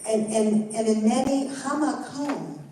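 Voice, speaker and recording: In a synagogue hall, an older woman guest rabbi teaches a Torah session with Q&A, talking straight to the group in an earnest, supportive way. Her fairly high voice is a little slow and dark in tone. The far-off mic catches heavy echo and a faint hiss.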